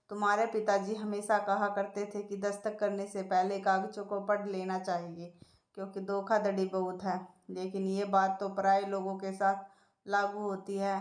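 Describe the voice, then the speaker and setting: A woman doing a gentle elderly mother. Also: medium pitch, natural voice. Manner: soft, pleading, hesitant. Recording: echoey room.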